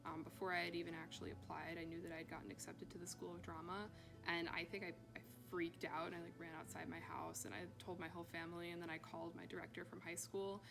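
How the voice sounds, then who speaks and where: Young woman, fry-laced lower voice, excited and chatty. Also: fast. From Maryland. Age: young adult. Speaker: design and production student. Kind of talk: casual interview. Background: background music.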